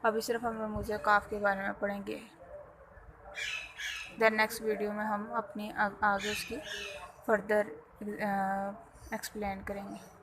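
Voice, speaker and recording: A woman's voice: medium pitch, completely flat delivery, long pauses, noisy background. A woman teacher explaining a lesson to her students, patient, repeating key terms and checking that they follow.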